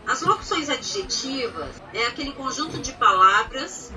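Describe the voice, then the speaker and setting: A woman's voice: high-pitched, sing-song, moderate pace, distant mic, over music, low-quality recording. A woman teacher from Brazil, patiently explaining grammar step by step and checking in with her students. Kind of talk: recorded grammar lesson.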